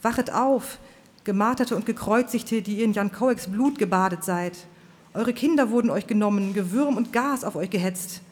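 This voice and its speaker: Reader doing a fiery male preacher, ranting, prophetic, raised pitch, long hall reverb. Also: moderate pace, natural voice. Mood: exhorting.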